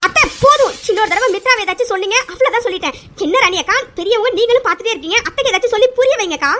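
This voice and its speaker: A woman's voice: very high voice, animated, very fast, a bit bright, a little hiss or hum. A woman voicing a protective middle-aged mother in a cartoon serial, firm and defiant. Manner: firm, pleading then defiant.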